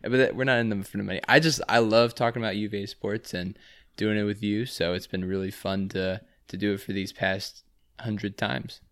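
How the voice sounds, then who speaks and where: A man's voice: on the low side, steady tone, a little fast, a bit bright. A man in his twenties from Virginia, co-hosting a sports podcast in easygoing chat with dry asides. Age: 20s. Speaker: podcast co-host. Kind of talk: casual chat.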